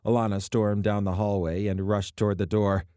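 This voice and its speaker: Deep-voiced male audiobook narrator. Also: level tone, normal speed, warm tone, smooth, no echo, studio quality. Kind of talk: scripted narration.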